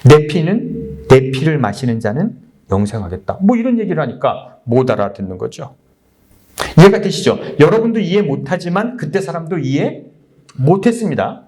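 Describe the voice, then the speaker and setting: A man's voice: on the high side, very animated, moderate pace, a little mellow. A male pastor giving a conversational sermon, asking the congregation many rhetorical questions and acting out blunt crowd voices. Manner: acts out crowd voices in blunt, coarse speech. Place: church service.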